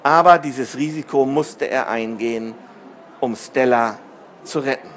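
A man reading a children's story aloud in an expressive, measured way. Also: mid-range voice, slight background noise. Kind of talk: scripted narration of a children's story.

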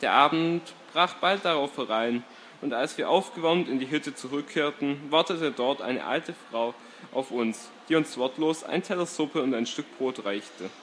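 A man reading a first-person story aloud in a calm, steady way. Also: medium pitch, normal speed, slight background noise.

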